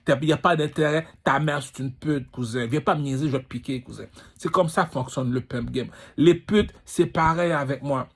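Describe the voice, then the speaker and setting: A man's voice: a little high, moderate pace, breathy edge. A man with a Quebec French accent, hosting his own channel in a boastful, crude, swaggering street-talk rant. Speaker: channel host. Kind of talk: ranting monologue.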